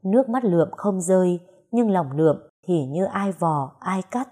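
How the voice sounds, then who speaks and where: A woman narrating a village story in an expressive, folksy storytelling manner. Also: fairly low pitch, normal speed, husky.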